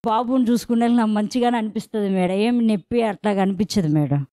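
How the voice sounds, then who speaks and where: In a clean studio recording with no room sound, a young woman with a mellow, medium-pitched voice talks fast. She's a patient interviewee earnestly describing her pregnancy, and she calls the interviewer "madam" again and again.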